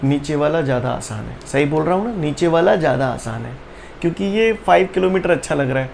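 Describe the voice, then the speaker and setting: A man teaching physics in a high, gravelly voice, speaking. He coaxes and teases his students, checks over and over that they follow, and leads them in rote chants. A faint hiss of noise sits under the recording. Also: lively intonation, fast, darkish tone. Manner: teasing, repeats questions to students, drills chants. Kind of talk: online class lecture.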